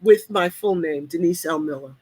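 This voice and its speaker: A woman's voice: on the low side, moderate pace, crowd noise, rough recording. A woman in her late sixties, upbeat and chatty, speaking on a panel video call with frequent ums. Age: 60s. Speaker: panelist and leadership coach. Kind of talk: casual online panel talk.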